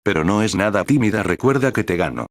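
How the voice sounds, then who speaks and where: A man voicing a sly, money-grubbing teenage girl in a flat, unimpressed drawl, in a read-aloud story. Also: on the low side, fast talker, no room sound, clean studio sound, natural voice. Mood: bored, teasing.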